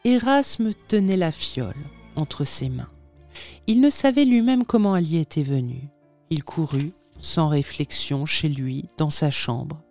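An audiobook narrator giving dramatic, expressive readings of a literary tale. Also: mid-range voice, measured pace, soft background music. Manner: expressive, theatrical storytelling.

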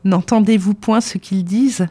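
A man's voice: a little high, measured pace, mellow. A reader voicing an ailing devout man, weak yet exalted, who speaks in a fervent murmur, in an audiobook. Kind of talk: audiobook dialogue reading.

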